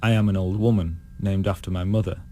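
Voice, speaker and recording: A British man, a singer being interviewed, talking in a thoughtful, halting way full of restarts. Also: low-pitched, fairly even intonation, mellow, a little hiss or hum. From United Kingdom. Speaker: guest singer. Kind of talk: casual interview chat.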